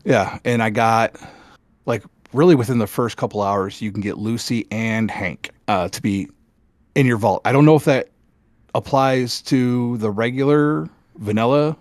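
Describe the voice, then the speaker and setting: A middle-aged man co-hosting a casual gaming podcast, animated, laughing often and restarting his sentences. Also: medium pitch, unhurried, dry recording. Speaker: podcast co-host.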